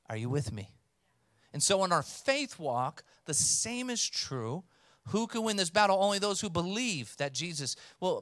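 A man's voice: a little high, no echo. A man in his thirties preaching a sermon as pastor, speaking emphatically into a handheld mic on a church stage and calling out to the congregation. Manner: emphatic, rising to loud calls for response. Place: church stage with blue lighting. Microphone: handheld microphone.

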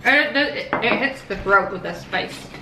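A woman's voice: medium pitch, animated, normal speed, noisy background. A woman co-hosting a casual food taste test, talking while chewing in a chatty, upbeat way. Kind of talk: casual chat. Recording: echoey room, dishes clattering behind.

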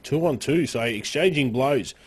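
A man casting a live online game match, upbeat play-by-play with frequent fillers and sudden excited rises. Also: mid-range voice, normal speed, husky. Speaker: esports caster.

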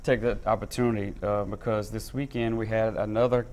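A man's voice: fairly low pitch, flat delivery, a little fast, a little mellow, slight background noise. A man in his thirties, a chef and restaurant owner, talking casually through a cooking demo on a morning TV show, with lots of ums and uhs. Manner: chatty, many ums and uhs. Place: TV studio kitchen set.

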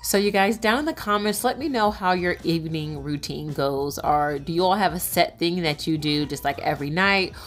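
A woman's voice: on the low side, normal speed, few pauses. A woman in her thirties, a mother, narrating a home vlog in a chatty, casual way with many filler words. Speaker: vlogger, mother.

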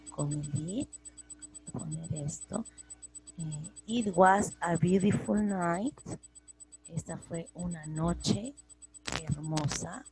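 Slow, gravelly-voiced female English teacher. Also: on the low side, noisy background. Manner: patient, repeats each example in both languages. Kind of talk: slow classroom explanation, mixing Spanish and English.

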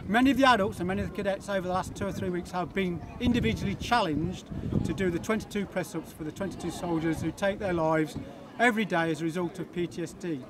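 A British man in his fifties giving a formal, measured announcement as a cadet force commandant, outdoors. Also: high-pitched. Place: large outdoor parade ground. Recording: noisy open-air outdoor recording.

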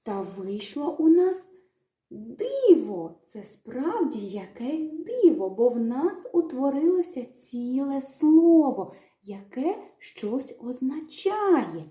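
A woman teaches young children in a gentle, sing-song way, drawing words out syllable by syllable. Her voice is fairly high and mellow and rises and falls a lot. The room around her echoes. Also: sing-song, slow pace. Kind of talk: children's literacy lesson with a told tale.

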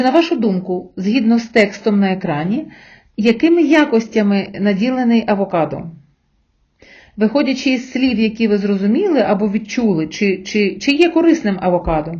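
A woman teacher giving a recorded language lesson, explaining slowly and patiently and pausing so learners can repeat after her. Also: medium pitch, a little mellow, lo-fi sound. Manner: slow, patient explaining with pauses for repetition. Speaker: Spanish teacher.

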